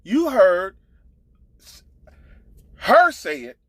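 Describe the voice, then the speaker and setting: Blunt, profane and exasperated, a male online commentator tells a casual gossip story, hammering his points home with emphatic repetition. His voice is high-pitched with huge pitch swings and drawn-out words. There's no room sound.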